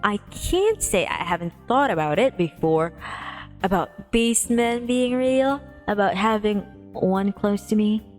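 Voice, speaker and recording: A woman livestreamer reads a visual novel aloud with expression, breaking off for playful, casual asides. Her mid-range voice has lively intonation and a slightly slow, somewhat mellow delivery, with music playing behind it.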